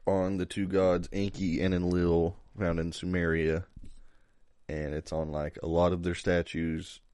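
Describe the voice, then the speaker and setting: A man's voice: low voice, level tone, measured pace, a little mellow, no room sound, studio quality. A young man co-hosting a podcast in casual chat, laid-back, joking crudely. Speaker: podcast co-host.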